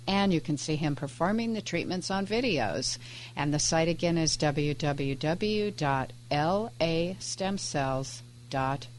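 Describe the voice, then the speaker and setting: A woman co-hosting a radio show, upbeat, reading out phone numbers and web addresses slowly and clearly. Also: deep voice, slight background noise. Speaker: radio co-host. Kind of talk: radio program reads and chat. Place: radio studio.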